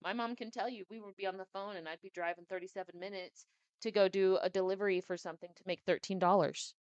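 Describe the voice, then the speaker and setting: A young adult woman hosting a podcast, reading a book aloud and breaking off into chatty, animated commentary. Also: medium pitch, quick pace, clear, resonant tone, dry recording, lo-fi sound.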